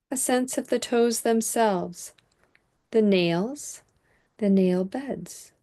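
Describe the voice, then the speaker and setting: A teacher leads a guided body scan meditation, her mid-range voice calm and measured, with long pauses between phrases.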